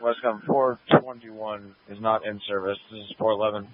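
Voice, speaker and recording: A male fire officer makes matter-of-fact radio calls. His voice is fairly low, squeezed through a narrow, tinny two-way radio. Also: level tone, normal speed. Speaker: fire engine crew officer. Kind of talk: firefighter radio traffic.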